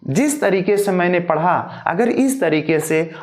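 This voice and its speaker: A male teacher giving a lesson, addressing students directly and chanting memory verses slowly, each line twice. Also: high-pitched, expressive. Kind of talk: classroom lesson.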